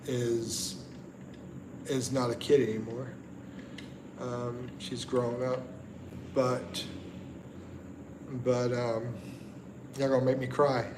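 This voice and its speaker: A middle-aged man from the Carolinas, USA, hosts a casual livestream at night from his home in the Philippines, reading viewer comments. His medium-pitched voice is easygoing and halting, full of ums and restarts, and the echoey room carries steady background noise.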